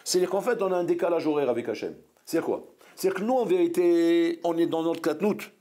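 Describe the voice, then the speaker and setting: A man, a rabbi, preaching a sermon in a lively, scolding way full of rhetorical questions. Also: on the high side, a little fast.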